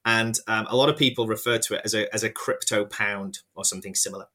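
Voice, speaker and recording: Bright-toned man explaining finance. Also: fairly low pitch, fairly even intonation. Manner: measured and explanatory, with frequent hesitations and repeated words. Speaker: finance expert guest. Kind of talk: explanatory podcast interview.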